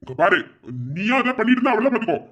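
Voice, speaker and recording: A woman's voice: on the high side, rapid-fire, a bit bright, lo-fi sound. A woman voicing a defensive, flustered young man in a cartoon, with a Madurai Tamil accent. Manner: defensive, blustering, threatening. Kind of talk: cartoon voice acting.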